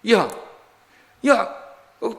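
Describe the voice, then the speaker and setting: A man's voice: extremely slow, a bit bright, long reverb tail. [name], a man voicing a blunt male teacher.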